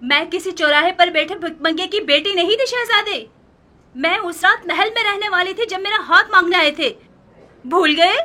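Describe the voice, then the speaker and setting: A woman's voice: extremely high pitch, moderate pace, bright, forceful tone. An actress dubbing a proud noble wife and mother in a historical drama, reproachful toward her husband. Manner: reproachful and pleading.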